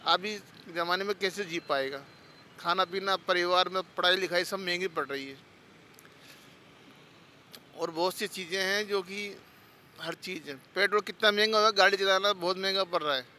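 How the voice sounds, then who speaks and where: A man's voice: high voice, sharp tone, a little hiss or hum. A man interviewed on a city street, complaining at length and listing rising prices. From Rajasthan, India. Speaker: street interviewee, day laborer.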